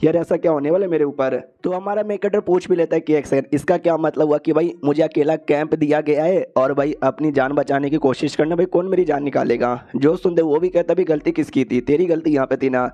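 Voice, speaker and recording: A man's voice: fairly high pitch, quick pace, hardly any pauses, dark tone, lo-fi sound. A man narrating an anime story recap in a slangy, jokey way, voicing every character himself. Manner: slangy, jokey, repeats filler "yahan pe".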